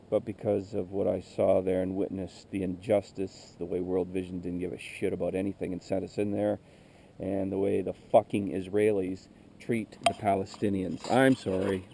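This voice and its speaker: A middle-aged man on a motorcycle trip speaks to his camera by a rural road, his low-pitched voice dark in tone and edged with vocal fry. Emotionally worn out, he rambles candidly and wearily, often stopping to correct himself. The camera mic picks up slight background noise.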